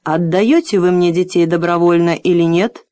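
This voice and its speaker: A woman voicing a brave young boy hero who speaks calmly, firmly and politely in an audiobook. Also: on the low side, moderate pace, dry recording, natural voice. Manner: calm, firm and polite. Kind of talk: audiobook character voice.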